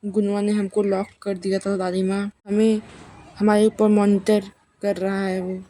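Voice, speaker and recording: A woman's voice: medium pitch, level tone, measured pace, warm tone, lightly acted. A woman voicing a spoiled, arrogant young woman who makes demands. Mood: haughty demanding. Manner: haughty, demanding.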